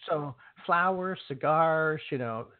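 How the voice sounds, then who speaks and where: Guy calling into a radio show, relaxed, lots of fillers, sounds like a phone line. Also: fairly high pitch, slow, dry recording. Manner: relaxed, frequent "you know" fillers, laughs. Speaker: guest reader. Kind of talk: casual talk radio conversation.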